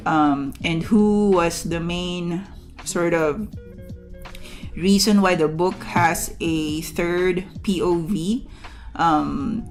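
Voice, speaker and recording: A woman streamer from the Philippines, whose first language is Tagalog, chats casually with viewers in a low, unhurried voice. She rambles and halts, with many fillers and restarts, while faint music plays behind her.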